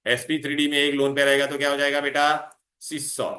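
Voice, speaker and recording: Male chemistry tutor, mid-pitch, quizzing pupils nonstop; roomy echo, bits. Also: completely flat delivery, a little fast, bright, forceful tone. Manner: coaxing, calls students "beta", quizzes them constantly. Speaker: chemistry teacher. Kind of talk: revision lecture to students. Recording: echoey room.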